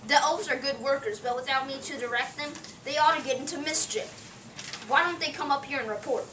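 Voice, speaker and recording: Woman voicing a blustering old Santa with a cold, high-pitched, echoey room, distant mic, background noise. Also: fairly quick, fairly bright tone. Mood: grumpy. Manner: blustering, indignant, sneezing. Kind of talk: amateur play reading.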